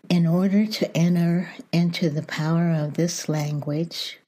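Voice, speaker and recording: Woman, low pitch, unhurried pace, soft morning voice, gentle devotional reading. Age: older. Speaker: podcast host.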